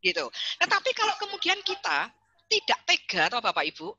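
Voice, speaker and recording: A woman giving an online parenting seminar, chatty and lively, calling on parents by name over a video call. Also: very high voice, brisk, highs cut off, very noisy. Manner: lively, chatty, addresses parents and reads chat names.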